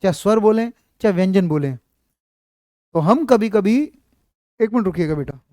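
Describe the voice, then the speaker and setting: A man teaches a live Hindi class, walking students through letters and their sounds. His voice is dark and mellow, recorded close and dry with no room around it. He repeats points and keeps asking if the class is following. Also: high voice, expressive, normal speed, no room sound. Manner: repetitive, checks often that students follow; addresses students fondly as child. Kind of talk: live online class, explaining at a board.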